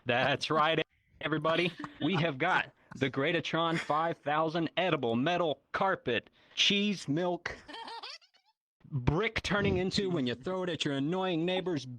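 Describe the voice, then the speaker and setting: Bright, punchy man doing an infomercial pitch. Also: measured pace. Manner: hyped salesman patter, booming and theatrical. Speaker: improv performer.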